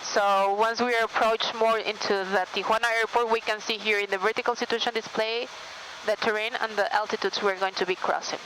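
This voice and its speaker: A woman's voice: mid-range voice, fairly even intonation, a little fast. A woman airline pilot, giving procedural briefings and explanations in the cockpit during flight. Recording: faint aircraft cockpit hum.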